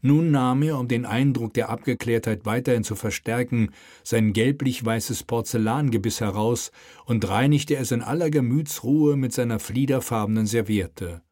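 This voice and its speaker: A man reading a historical novel aloud in measured, scripted narration. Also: medium pitch, warm tone, no room sound, clean studio sound. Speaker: audiobook narrator.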